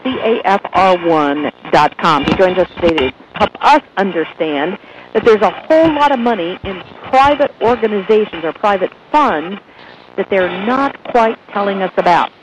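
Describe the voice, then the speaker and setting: A man hosting a radio talk show, announcing breaks and introducing his guest in a brisk, announcer-like way. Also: high voice, lively intonation. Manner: brisk, announcer-like, spells things out. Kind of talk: radio host patter. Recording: noisy radio broadcast.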